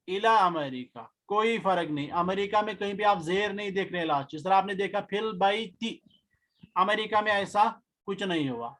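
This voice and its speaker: A man teaching a grammar lesson in a patient way, saying key terms slowly and more than once. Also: high voice, fairly bright tone. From India. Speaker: Arabic teacher.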